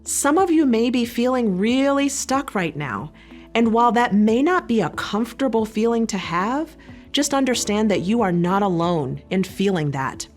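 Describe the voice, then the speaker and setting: Calm, reassuring woman speaking. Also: fairly high pitch, normal speed, faint music behind. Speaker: social worker. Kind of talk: scripted educational talk.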